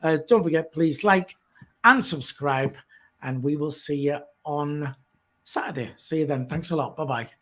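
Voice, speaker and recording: A man hosting a casual live stream, talking haltingly with many "uh" fillers. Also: fairly high pitch. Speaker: host.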